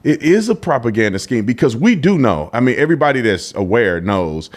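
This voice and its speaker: A man hosting an interview, talking in an animated way and pushing his voice up high when he stacks points. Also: fairly quick. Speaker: interview host. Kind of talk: interview conversation.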